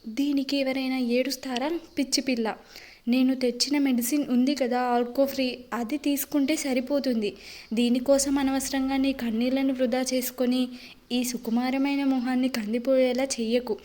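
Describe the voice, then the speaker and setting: A woman's voice: high voice, steady tone, normal speed, a little mellow, natural voice. A woman narrator voicing a tender young husband who soothes his wife in an audio love story. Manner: soothing, affectionate delivery. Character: young husband, tender and coaxing, gently teasing. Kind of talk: audiobook character reading.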